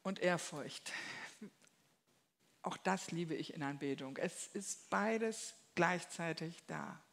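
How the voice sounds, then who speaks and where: A woman delivers a relaxed sermon from her seat at a table in a church hall. She speaks in a lively, folksy, down-to-earth way and slips into small acted voices whenever she quotes someone. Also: lowish voice, slow pace. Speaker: lay preacher. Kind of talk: conversational sermon.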